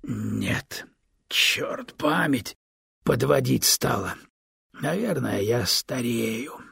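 A man's voice: medium pitch, animated, drawn-out words, vocal fry, a bit bright, breathy edge, dry recording, studio quality, exaggerated voice. A man reading an audiobook, voicing an elderly male stone who complains and pesters eagerly in a raised, insistent voice. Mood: grumbling. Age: older. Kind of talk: audiobook character voice.

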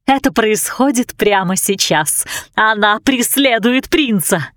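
A woman voicing a scheming eldest witch sister who speaks slowly and intensely. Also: a little high, lively intonation, a bit bright, dry recording. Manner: slow, intense incantation.

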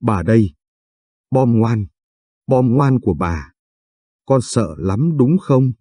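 A man voicing a fierce, sharp-tongued grandmother in an audio story, scolding and protective. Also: mid-range voice, animated, slow, husky, no echo, clean studio sound. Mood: tender. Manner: scolding, hissing.

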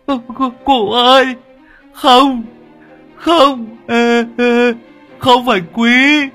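A man voicing a frightened, simple-minded young village man who stammers pleas in a shrill voice. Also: flat delivery, drawn-out words, bright, forceful tone, faint music behind, full character voice. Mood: terrified pleading.

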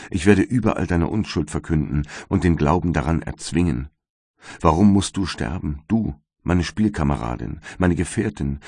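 A gentle young noblewoman in deep sorrow, read by a man. The voice stays very low, pleading softly in a dry, close recording. She belongs to a classic storybook reading. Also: creaky, no room sound, exaggerated voice.

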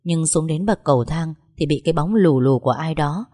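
A woman narrating an audiobook story in a calm, even manner. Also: low voice, brisk.

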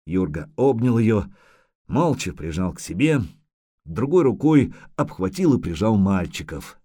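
Expressive male audiobook narrator. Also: on the low side, measured pace, no echo, studio quality. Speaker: audiobook reader.

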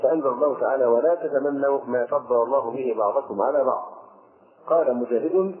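A male Islamic scholar giving a religious lesson, explaining scripture line by line with fillers. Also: mid-range voice. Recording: tinny phone-like lo-fi recording.

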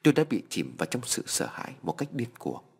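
A man's voice: medium pitch, sing-song, fast talker, slightly rough. A man narrating a first-person horror story in a dramatic, tense style. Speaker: audiobook narrator.

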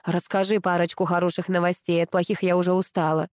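A woman reading an audiobook and voicing a domineering older mother-in-law who runs a beauty pageant and shouts orders. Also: on the low side, little pitch movement, quick pace, no echo, clean studio sound, natural voice. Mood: bossy.

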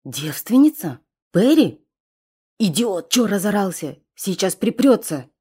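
A woman voicing a pushy, impatient male raider with a hoarse voice in an audiobook. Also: mid-range voice, sing-song, unhurried, dark tone.

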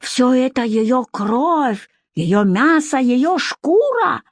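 A woman voicing an excitable male shopkeeper who talks in broken grammar with a thin, squealing voice. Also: high-pitched, extremely slow, no room sound, voice pushed up, heavily acted. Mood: excited, pleading.

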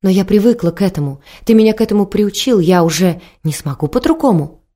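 A woman voicing a spoiled young wife who is shrill, demanding and tearful. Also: lively intonation, quick pace, mellow, lightly acted. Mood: shrill, indignant. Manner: shrill, indignant, tearful pleading.

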